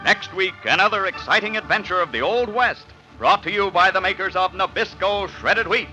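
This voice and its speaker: A man's voice: high-pitched, normal speed, over loud music, low-quality recording. An American man announcing in old radio style, with emphatic, showy salesmanship aimed at young listeners, on a vintage broadcast recording. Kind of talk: old-time radio announcing, enthusiastic sponsor pitch.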